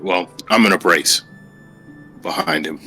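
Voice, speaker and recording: A man's voice: sits low, measured pace, bright, forceful tone, soft background music. A man playing in a tabletop game, with a dry, teasing manner. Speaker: player. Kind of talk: casual tabletop banter.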